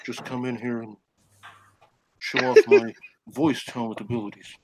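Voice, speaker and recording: A man's voice: medium pitch, measured pace, a crowd in the background, poor audio. A man, a comic artist guest, chatting casually and joking about himself. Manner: jokey, self-mocking. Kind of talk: casual chat.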